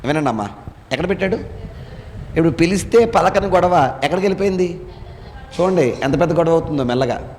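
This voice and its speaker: A man with a high voice leads a congregation through scripture as their pastor. He keeps firing questions back at the room and waits for the answers. His voice rings out in a church hall with a long reverb. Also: expressive, fast, long pauses, darkish tone, a little hiss or hum. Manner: quizzes listeners with call-and-response questions. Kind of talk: Bible-study sermon to a congregation.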